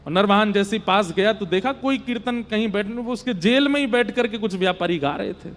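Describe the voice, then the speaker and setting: A man telling a devotional story in a sermon, emotive, his voice swelling louder on devotional lines. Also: sits high, brisk. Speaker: Bhagavat storyteller. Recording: long hall reverb.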